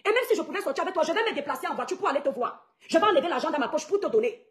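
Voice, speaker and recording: A woman's voice: high-pitched, expressive, very fast. A young woman from Cameroon, a blogger, ranting indignantly at her followers, mocking her rivals and repeating her points for emphasis. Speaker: online blogger. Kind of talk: angry rant to followers.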